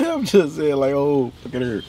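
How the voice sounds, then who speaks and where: A man's voice: on the high side, dark tone, slight background noise. A young man in a car rambling in slangy casual chat with friends on a road trip. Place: inside a car. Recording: distant phone mic in a car, music behind.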